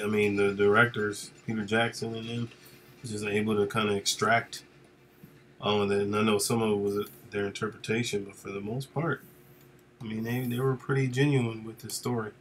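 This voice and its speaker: A man casually chatting with viewers of his live stream while he works, relaxed and rambling with lots of fillers. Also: lowish voice, slight background noise.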